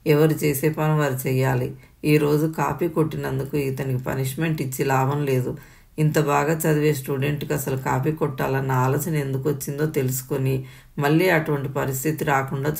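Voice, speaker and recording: A woman narrating an audio story in a steady, even storytelling manner. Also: sits low, vocal fry.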